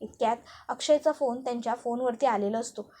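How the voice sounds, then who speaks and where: A woman retells a serial episode in a steady, recounting narration. Her voice is high-pitched and even. She moves the story along line by line. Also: a little fast.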